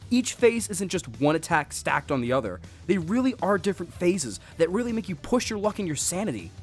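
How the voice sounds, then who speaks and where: A man's voice: high-pitched, sing-song, brisk. A man narrating a scripted game review with sarcastic, jokey asides, over faint background music.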